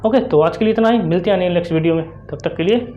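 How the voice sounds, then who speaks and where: A young woman with an Indian accent teaching an online exam-prep lesson, putting quick questions to the class and answering them herself, repeating the key terms. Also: on the low side, mellow, dull audio, slight background noise. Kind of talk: explanatory online lecture.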